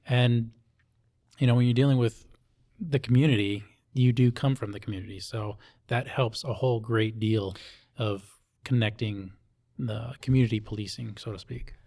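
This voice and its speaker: A man from Hawaii, a police officer, speaks conversationally as an interview guest, explaining things and often checking in with short tag questions. His medium-pitched voice has a steady, darkish tone at normal speed.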